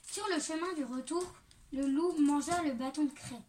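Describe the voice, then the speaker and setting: A woman reading a fairy tale aloud slowly and deliberately, recorded some distance from the mic. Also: sits high, darkish tone, a little hiss or hum. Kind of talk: storybook narration.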